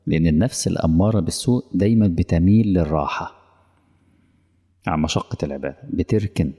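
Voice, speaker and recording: A man's voice: sits low, fast, dark tone, slightly rough, long reverb tail. A male preacher with an Egyptian Arabic accent, giving a colloquial religious lesson in a conversational way, often checking that his audience follows. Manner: conversational, quizzing the audience, mock dialogues.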